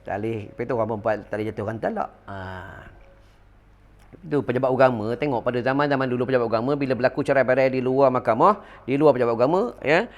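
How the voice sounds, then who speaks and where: A middle-aged Malaysian man giving a religious lecture to an audience, telling stories with lively call-and-response asides. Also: mid-range voice, fast talker. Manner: animated storytelling with call-and-response fillers. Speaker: religious teacher.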